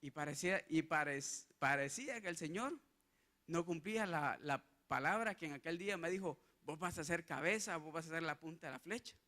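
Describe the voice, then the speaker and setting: A young Guatemalan man giving an earnest testimony sermon, halting often with restarts and fillers. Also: on the high side, expressive, pushed and bright. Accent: Guatemalan Spanish. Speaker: lay preacher.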